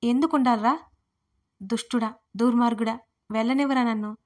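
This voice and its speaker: A woman's voice: fairly high pitch, steady tone, normal speed, close to an everyday voice. A woman doing a feisty young college heroine. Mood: indignant. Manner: indignant, shouty protests.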